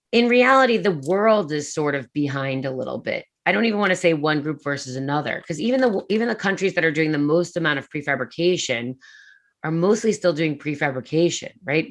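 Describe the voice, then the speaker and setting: In a conversational conference talk, a prefab industry executive speaks in a low voice. This businesswoman is animated and quick, and her speech is heavy with fillers.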